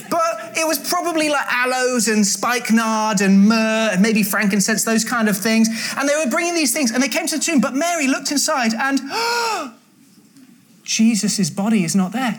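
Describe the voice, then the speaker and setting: A woman's voice: sits high, slight background noise. Playful woman telling a story to children. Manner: animated, playful, asks the audience questions. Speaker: children's talk leader. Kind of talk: lively storytelling to children with props.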